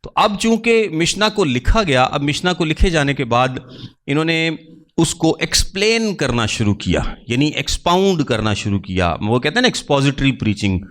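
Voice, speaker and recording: A man's voice: a little high, sing-song, a bit bright. Man preaching with call-and-answer questions. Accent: Pakistani Urdu. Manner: asks questions and answers them himself, repeating key terms. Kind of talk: sermon teaching.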